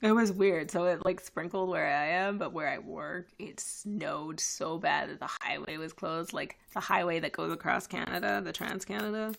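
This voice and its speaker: A young woman, a native French speaker, casually rambles on a live stream at home in her living room, filling her talk with fillers via a headset and webcam. Her lowish, slightly bright voice has vocal fry, fairly even intonation, normal speed and few pauses.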